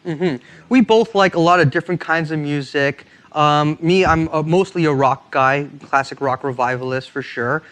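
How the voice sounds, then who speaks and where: Playful high-voiced male host. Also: normal speed, fairly bright tone. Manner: playful, jokey. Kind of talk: casual interview. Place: recording studio.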